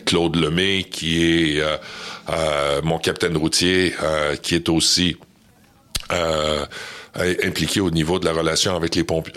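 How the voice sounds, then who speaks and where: A man, a guest on a radio interview, speaking hesitantly with many pauses and restarts. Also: deep voice, fairly bright tone. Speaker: charity event organizer guest.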